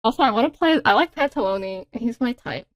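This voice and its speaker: A woman's voice: on the high side, animated, brisk, no room sound. A woman hosting a casual reaction chat, eagerly explaining game lore in detail and asking her guest questions. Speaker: VTuber host.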